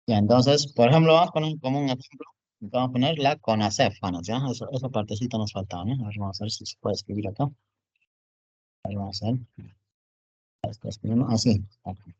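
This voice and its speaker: A man with a medium-pitched, slightly mellow voice gives an online class lecture, typing on screen as he explains. He often checks whether students follow, repeating "jóvenes" and "¿no es cierto?" a lot. The recording is dull and dry, with no echo.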